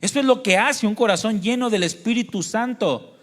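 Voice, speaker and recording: A man's voice: sits high, normal speed, fairly bright tone. Male preacher, earnest sermon, questions the congregation, long hall reverb. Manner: earnest, addresses listeners as brothers and sisters; tells personal testimony, asks the congregation questions. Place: church hall.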